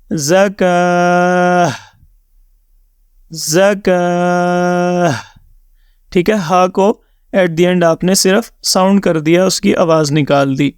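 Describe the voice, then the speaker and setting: A male Quran reading teacher walks learners through each word letter by letter, drawing the syllables out slowly. His voice sits high and smooth, with a resonant clarity. The recording is close and dry. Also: no room sound. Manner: spells words letter by letter, drawn-out syllables, mixes English words. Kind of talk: slow step-by-step recitation lesson.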